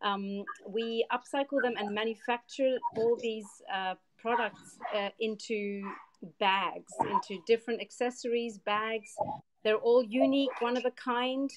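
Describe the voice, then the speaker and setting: A woman's voice: fairly high pitch, steady tone, unhurried, slight background noise. A woman, explaining her social business earnestly and fluently over a live video call. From Switzerland, raised in Papua New Guinea. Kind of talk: interview answers on a live stream.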